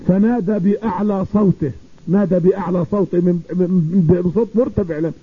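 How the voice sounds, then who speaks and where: A man's voice: high voice, fairly even intonation, brisk, breathy edge. A man preaching and telling a story, repeating his phrases for emphasis. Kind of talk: sermon storytelling. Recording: tinny phone-like radio broadcast.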